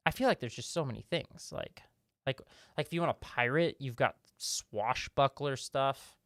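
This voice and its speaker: Man with a gravelly voice, casual stream Q&A. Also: mid-range voice, normal speed, no echo, clean studio sound. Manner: relaxed, rambling, many fillers and restarts. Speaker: streamer answering viewer questions.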